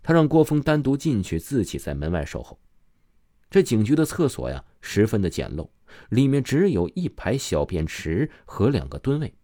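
A man's voice: mid-range voice, sing-song, mellow, no room sound, clean studio sound. A man narrating a scripted true crime story as a dramatic storyteller, drawing out his phrase endings. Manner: dramatic storyteller phrasing with drawn-out sentence particles.

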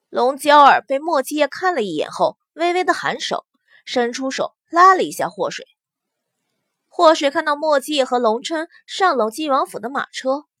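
A woman reads a novel aloud in a high, lively voice. Her storytelling is expressive, and the recording is close and completely dry. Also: dry recording. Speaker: narrator. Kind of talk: scripted audiobook narration. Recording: dry close studio sound.

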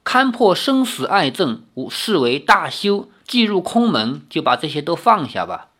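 A reader voicing a pompous old monk who is secretly a thousand-year-old prayer-bead spirit, in a solemn, drawn-out manner. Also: mid-range voice, very animated, a bit bright.

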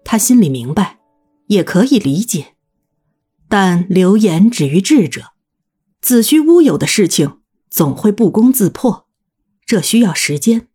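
A woman narrating a novel as an audiobook, in expressive scripted storytelling. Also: medium pitch, unhurried, pauses often, slightly rough, faint music behind.

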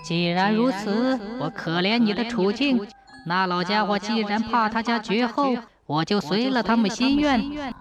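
A woman voicing the vengeful ghost of a drowned pregnant woman, scolding slowly in a hushed voice. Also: on the high side, over music, natural voice. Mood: cold resolve.

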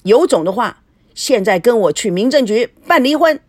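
A woman's voice: fairly high pitch, expressive, moderate pace, no room sound, studio quality, pitched above the performer's own voice. A woman voicing a furious, jealous young wife who shrieks and sneers at her rivals. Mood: sneering. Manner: shrieking, scornful.

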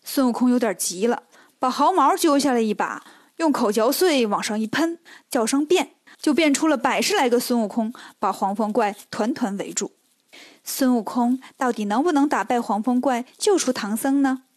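A woman telling a classic fairy tale aloud in a lively, expressive storytelling manner. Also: fairly high pitch, moderate pace. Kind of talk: spoken storytelling.

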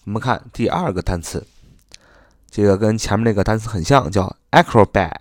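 A man with a fairly low voice gives an English vocabulary lesson in Mandarin Chinese. He repeats each word several times and spells it out letter by letter. His English carries a Mandarin Chinese accent, and the recording is dry with no room sound. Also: no echo. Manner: spells words letter by letter and repeats them slowly.

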